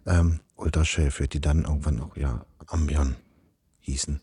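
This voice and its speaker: Deep-voiced man talking in a loose, rambling way. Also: fairly even intonation, normal speed, warm tone, breathy edge, dry recording, studio quality. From East Germany. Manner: rambling, many fillers and restarts. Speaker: project manager in event lighting. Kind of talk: casual interview answers.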